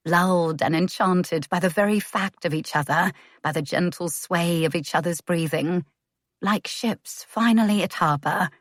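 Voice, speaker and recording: A woman narrating a romance audiobook in a measured, gentle way. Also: on the low side, no room sound, studio quality. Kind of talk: scripted narration.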